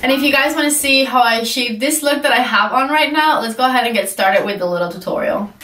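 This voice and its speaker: This beauty vlogger, a young woman with a stuffy, cold-congested voice, reviews makeup fast and chattily, full of enthusiasm and "like" fillers. Her voice is a little high and fairly bright, picked up with roomy echo, slightly distant from the mic, in an indoor room lined with shelves.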